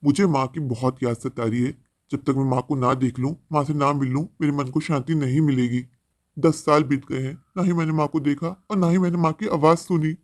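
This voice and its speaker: A man's voice: fairly high pitch, steady tone, a little fast, darkish tone, close to an everyday voice. A man voicing a remorseful grown son who speaks in an earnest, pleading way. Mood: longing.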